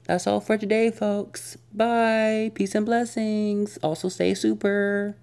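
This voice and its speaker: A woman's voice: mid-range voice, little pitch movement, slow, a little mellow, clear, resonant tone. A young woman vlogger giving a casual spoken movie review, rambling and exasperated, full of fillers and groans.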